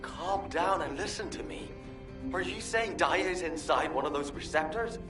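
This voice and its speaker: A man's voice: sits high, moderate pace, natural voice. An actor playing an anguished young man in a video game, pleading with his captain in an exasperated, emotional way. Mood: urgent, pleading. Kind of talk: dramatic video game voice acting. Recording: music playing behind.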